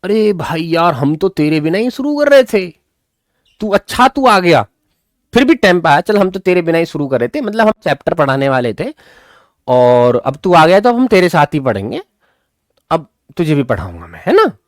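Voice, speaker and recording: A man's voice: on the high side, sing-song, moderate pace, dry recording, studio quality. A man voicing a kind, affectionate male schoolteacher who coaxes a late boy to his seat with pet names. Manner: coaxing, fond, calls the boy pet names.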